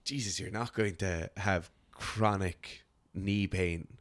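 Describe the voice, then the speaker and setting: Blunt, low-voiced Irish coach. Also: male voice, steady tone, takes it slowly, no room sound. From Ireland. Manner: blunt, swears, mocks in put-on voices. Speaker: strength coach and podcast co-host. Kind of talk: casual podcast chat.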